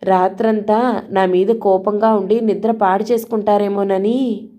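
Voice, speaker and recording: A woman's voice: mid-range voice, level tone, a little slow, warm tone, natural voice. Woman reading a terse, hurt young wife. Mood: evasive. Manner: terse, brushing things off.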